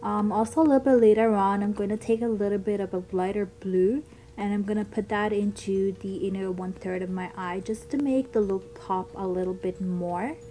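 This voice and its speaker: A beauty vlogger, a young woman with a childlike voice, narrates a makeup tutorial in a chatty, upbeat way, talking about products with plenty of ums. Her medium-pitched voice is mellow and steady, at a moderate pace, though the recording is rough.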